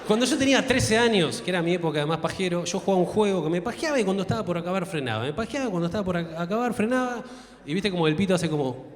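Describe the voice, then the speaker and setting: Young argentine guy doing stand-up, high and bouncy voice, echoey theater hall. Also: animated, rapid-fire. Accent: Argentine Spanish. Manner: crude, crowd-work, acts out voices. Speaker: stand-up comedian. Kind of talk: stand-up comedy. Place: theater stage.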